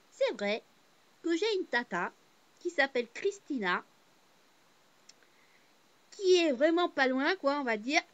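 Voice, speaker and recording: A woman with a high voice, heard through dull audio, gives a casual, heartfelt monologue. Born in Portugal to a Cape Verdean family, she rambles with many fillers and restarts, swinging between subdued and animated.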